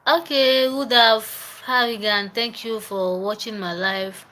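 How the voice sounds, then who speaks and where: Chatting casually on her live stream, this young livestreamer from Nigeria speaks with a Nigerian accent, repeats herself and greets viewers by name. Her voice is a little high, slow and steady in tone, sounding pushed and bright.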